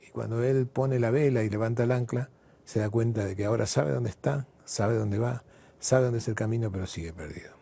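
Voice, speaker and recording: Brief: therapist-writer, gravelly, expressive storyteller in an interview. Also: male voice, medium pitch. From Argentina. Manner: expressive storyteller, emphatic pauses.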